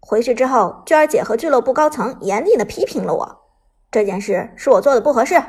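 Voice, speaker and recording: A woman's voice: a little high, lively intonation, a little fast, darkish tone, husky. A woman doing a sly, grudging male gamer. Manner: sing-song, insincere, mocking. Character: sly grudging male veteran esports player.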